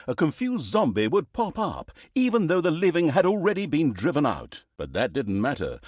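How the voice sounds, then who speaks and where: A fairly high-pitched man plays a sardonic, vain storyteller narrating a comic fantasy game saga. His delivery is wry and mock-grand, full of dramatic emphasis and asides, recorded in a clean studio with no room sound.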